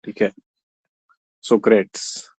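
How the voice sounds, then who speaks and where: A man's voice: takes it slowly, darkish tone, dry recording. A man teaching an online exam-prep class. He explains step by step, quizzes his students, and mixes English terms into his speech. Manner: explains step by step, quizzes students, often says "theek hai". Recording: slightly dull lo-fi recording.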